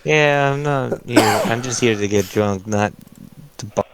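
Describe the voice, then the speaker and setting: A man's voice: medium pitch, measured pace, slight background noise. A man playing a tabletop game, chatting casually and joking. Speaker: player.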